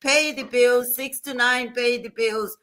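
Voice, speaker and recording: A woman hosts a motivational livestream in a fairly high, bright, forceful voice with fairly even intonation and a slightly slow pace. She speaks earnestly and emphatically, repeating her points.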